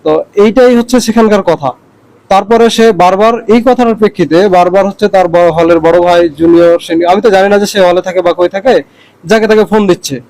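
A man's voice: high voice, a little fast, creaky, a little mellow, low-quality recording. A young man, a university student, giving an earnest first-person account with frequent restarts. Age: young adult. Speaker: university student recounting an attack.

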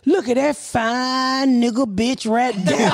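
Blunt, profane woman telling stories. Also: high voice. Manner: blunt, profane, rambling storyteller. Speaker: podcast host. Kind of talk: casual storytelling chat. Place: living room couch, indoors. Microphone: handheld mic with headphones.

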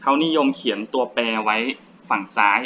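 A man's voice: mid-range voice, moderate pace. A Thai man teaching a casual math lesson, repeating key points and thinking aloud as he writes. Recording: slightly dull lo-fi recording with faint ambient noise.

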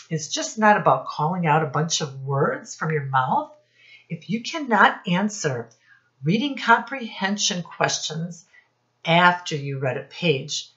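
A middle-aged woman teaches young children with a read-aloud lesson, speaking deliberately and instructively. Her voice is low-pitched, the audio is dull, and she's in a small indoor room with posters.

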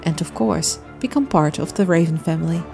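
A woman's voice: fairly low pitch, animated, a little fast, creaky, over music. A woman hosting a crafting vlog, explaining her miniature build step by step in a friendly, chatty voice-over. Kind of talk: casual voice-over narration.

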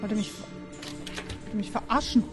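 A woman giving chatty let's play commentary on a horror game, jumpy and quick to shriek when startled. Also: mid-range voice, over loud music. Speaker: gaming video creator.

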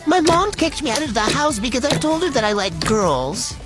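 A woman's voice: sits high, very animated, normal speed, music in the background. A woman voicing a teenage girl who talks in a quavering old grandma voice in a POV skit. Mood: whiny. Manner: quavering put-on old-lady voice.

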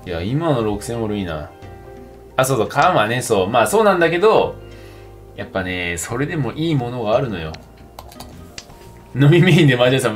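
A man's voice: mid-range voice, a bit bright. A tipsy young man chatting casually and rambling in slangy speech as he livestreams a game over drinks. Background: game music.

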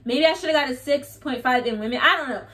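Young woman, high bright voice, chatty haul vlogger acting out her stories, recorded a little off-mic. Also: fast talker, distant mic. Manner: animated storytelling, acts out dialogue. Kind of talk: casual haul vlog chat.

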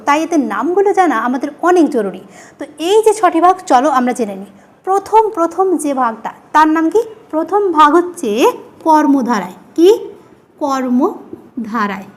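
A woman teaching an exam-prep grammar lesson, asking her students questions and answering them herself, repeating each key word slowly. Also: sits high. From West Bengal.

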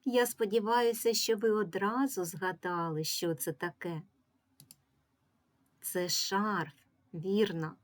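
A woman's voice: mid-range voice, steady tone. A woman teacher giving a reading lesson to young children, patiently sounding out words syllable by syllable. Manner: slow, patient, drawing out syllables. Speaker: primary school teacher.

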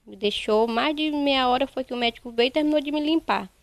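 A young woman, giving a halting, repetitive first-person account in a news interview. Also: sits high, slight background noise. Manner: halting, repetitive retelling, quoting others. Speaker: interviewee, bereaved mother.

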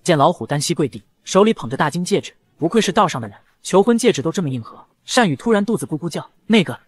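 Rapid-fire husky comic narrator. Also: male voice, a little high, very animated. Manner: cheeky, joking asides. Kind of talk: fast comic recap narration.

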